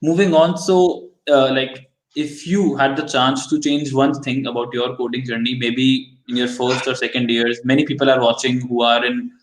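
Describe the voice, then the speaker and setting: A man's voice: medium pitch, flat delivery, moderate pace, few pauses. Male interviewer in an echoey room. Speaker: webinar host, interviewer. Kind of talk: casual interviewing. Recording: roomy, echoing sound.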